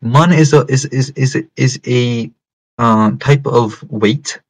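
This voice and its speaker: Man, medium pitch, religious teacher, lecture style, emphatic repetition, mixes into English. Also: slow. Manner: repeats and rephrases phrases for emphasis; switches between English and Punjabi. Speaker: religious teacher giving a talk.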